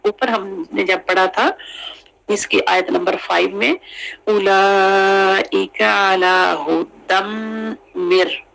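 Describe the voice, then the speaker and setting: A Quran recitation teacher giving a tajweed lesson, drilling syllables slowly and repeating each sound many times, with English teaching terms mixed in. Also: medium pitch, expressive, gravelly, bright, forceful tone, slightly rough, low-quality recording.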